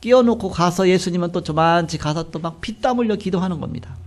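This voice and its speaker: A man preaching a sermon, retelling scripture with animated storytelling and acted-out dialogue. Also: sits high, fast. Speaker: pastor.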